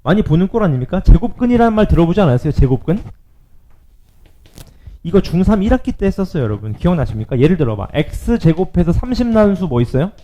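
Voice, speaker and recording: A male math teacher giving a lively classroom lecture, often checking in with his students. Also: sits high, fast talker.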